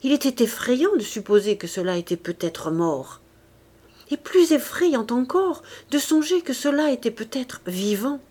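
A woman reading a classic novel aloud as audiobook narration, measured, sometimes dropping to a soft whisper. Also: a little high, big pitch swings. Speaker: audiobook reader.

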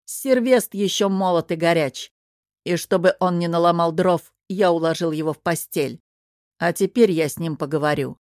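Storybook figure: a woman playing a composed, mocking older governor, low and dry. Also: moderate pace, no room sound, close to an everyday voice. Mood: calm commanding. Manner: calm, sarcastic.

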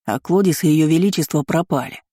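A narrator voicing a gruff, irritable male captain of the guard in an audiobook reading. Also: mid-range voice, a little fast, mellow, no room sound, clean studio sound, natural voice. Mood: irritated.

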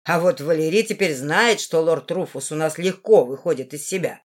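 A smug young nobleman, as a woman reader puts him on, his voice lowered and steady. He mocks with calm confidence. Storybook gentry with a cold edge. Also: moderate pace. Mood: mocking.

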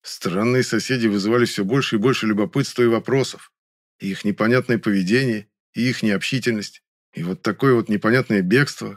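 Low-voiced man reading a novel. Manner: measured, ironic storytelling. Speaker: audiobook narrator. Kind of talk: audiobook narration.

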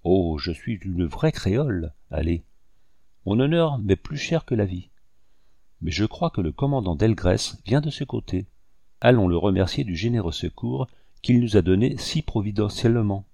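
A man reading the lines of a proud, composed young creole woman in an audiobook, in a soft, even manner. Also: on the low side, moderate pace, creaky, no room sound, clean studio sound. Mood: calm.

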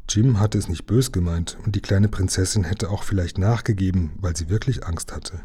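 A man reading a children's storybook aloud in calm, even storytelling. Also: sits low, normal speed, breathy edge. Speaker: reader of a children's book.

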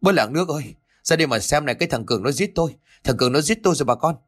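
A man's voice: mid-range voice, animated, racing, breathy edge, voice pushed up. A man doing a snide older village man. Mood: wailing. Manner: muttering snide remarks. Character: gossiping older village man, later wailing hurt.

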